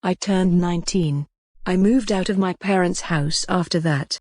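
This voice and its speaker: A woman teaching English grammar, reading example sentences slowly and clearly in a scripted lesson. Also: on the low side, a little mellow, dry recording, studio quality. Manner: slow, clear, deliberate reading.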